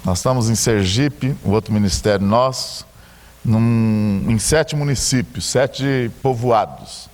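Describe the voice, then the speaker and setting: A man's voice: medium pitch, slow pace, darkish tone. A middle-aged man with a Brazilian Portuguese accent, preaching a sermon as a pastor and telling a story with joking asides.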